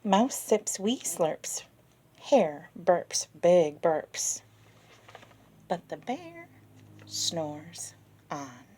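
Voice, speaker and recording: A woman reading a children's picture book aloud, talking directly to the kids and dropping to a soft whisper on the refrains. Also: on the low side, a little hiss or hum. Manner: slow, expressive, talks directly to children.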